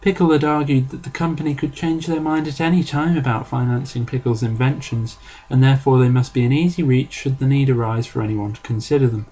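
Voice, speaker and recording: A man reading a story aloud in an amateur storybook narration, measured and dry. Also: mid-range voice, steady tone, warm tone, slight background noise, low-quality recording. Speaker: story reader.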